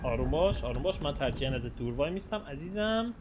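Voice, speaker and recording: Excitable young man playing a horror game. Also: on the high side, music in the background. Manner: excitable, swearing, addressing his viewers. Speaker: gaming channel host. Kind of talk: horror let's play commentary.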